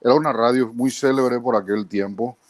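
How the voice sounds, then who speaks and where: A man in his fifties with a Paraguayan Spanish accent, a trained broadcaster telling his career story as an interview guest, with clear diction and a measured way of talking. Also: mid-range voice, dry recording. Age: 50s. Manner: measured, tags lines with a questioning aside.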